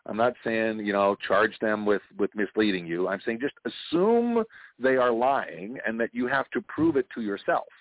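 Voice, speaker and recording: Gravelly and expressive, his lowish voice moves at a normal speed in a dry recording over a tinny phone line. He's a Canadian interview guest and franchise consultant, casually telling stories and frequently joking and laughing.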